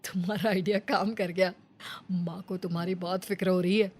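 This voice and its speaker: A woman's voice: fairly low pitch, fairly even intonation, fairly quick, a little mellow, pitched below the performer's own voice, close to an everyday voice. A grown son from a storybook, put on by a woman, his voice pushed down well below her own. He speaks earnestly, with a lecturing edge. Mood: reproachful. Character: grown son, calm and reproachful. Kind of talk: Hindi storybook voice acting.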